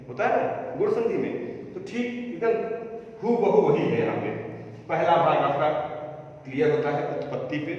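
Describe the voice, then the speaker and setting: A man's voice: fairly high pitch, darkish tone. A male teacher giving a lecture, explaining step by step and repeating key points, asking and answering his own questions. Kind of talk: classroom lecture. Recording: echoey room from far off, dull sound.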